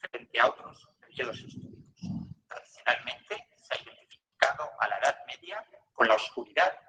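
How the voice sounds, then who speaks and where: A man reads a formal documentary narration, heard from a video whose audio keeps stuttering and dropping out as it buffers. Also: far from the mic. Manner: formal, measured reading with lively pitch. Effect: choppy audio that keeps cutting out, like a buffering video stream. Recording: echoey video played through a call, faint noise.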